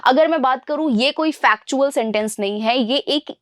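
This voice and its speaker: A young woman runs an exam-prep grammar class in a fairly high voice. She calls her students "beta" and "guys" and answers her own questions. The sound is dry and close, with no room echo. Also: moderate pace. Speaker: English teacher.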